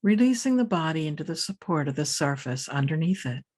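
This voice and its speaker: With a low-pitched voice, a female meditation instructor reads a scripted guided meditation. Her manner is gentle and unhurried, with pauses separating each phrase.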